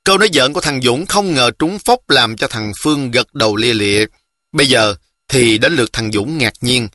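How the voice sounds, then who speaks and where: A man reading a children's novel aloud in a lively storytelling manner. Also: medium pitch, moderate pace, no echo, studio quality.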